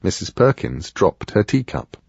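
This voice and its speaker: A man narrating an audiobook in an expressive storytelling style. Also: on the low side, measured pace, gravelly, husky, no echo, highs cut off. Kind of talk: scripted narration.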